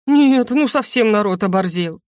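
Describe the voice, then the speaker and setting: A woman's voice: on the high side, very animated, normal speed, no room sound, studio quality. A woman voicing a cheeky, nosy ghost girl who drawls and mocks with theatrical flair. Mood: grumbling, mocking. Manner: mocking, drawling, theatrically plaintive.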